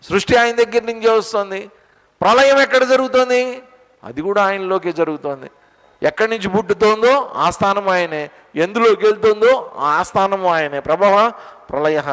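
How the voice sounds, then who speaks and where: A man with a notably high voice gives a scripture discourse, explaining words one by one and putting questions to his listeners. His voice carries a long reverb, as if it is filling a large hall. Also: a bit bright. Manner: explains word meanings and drills pronunciation, asks the audience questions. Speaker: Gita teacher. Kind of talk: spiritual discourse with verse chanting. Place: lecture hall.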